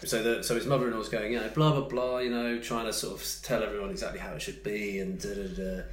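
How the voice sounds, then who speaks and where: A man's voice: lowish voice, fast talker, reverberant. A man, a podcast co-host, telling an anecdote in casual chat and acting out the voices of the people in it. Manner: animated storyteller, mimics voices in quotes.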